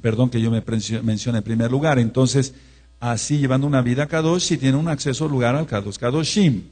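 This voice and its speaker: Emphatic preacher man, dark husky voice. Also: mid-range voice, brisk. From Mexico. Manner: emphatic, repeats phrases, call-and-response. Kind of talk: sermon.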